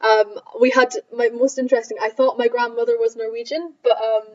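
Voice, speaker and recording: Young Scottish woman hosting, slightly high voice. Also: fairly even intonation, a little fast, darkish tone. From Edinburgh, Scotland. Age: young adult. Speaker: host. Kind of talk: casual interview hosting. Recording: dull, band-limited audio.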